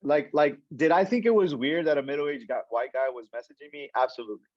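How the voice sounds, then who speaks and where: This young man's voice leans high and he talks fast, a guest coach telling an animated story in casual interview chat. He acts out other people's lines and keeps restarting his sentences; there's no echo, though the audio is dull.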